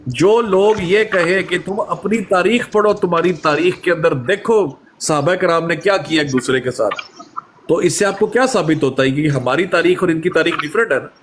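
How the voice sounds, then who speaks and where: A man, chatting in an interview and telling animated stories, often acting out the quoted exchanges. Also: on the high side, normal speed, slight background noise. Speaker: guest. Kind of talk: casual conversational interview.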